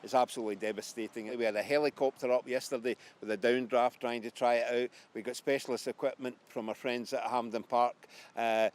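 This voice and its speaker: A man's voice: medium pitch, fairly even intonation, fairly quick, hardly any pauses. A man answering as a racecourse official in a news interview.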